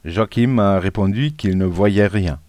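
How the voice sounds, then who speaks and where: Male storybook narrator, playful and lively, lowish, dry recording. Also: unhurried, no echo. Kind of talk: storybook reading.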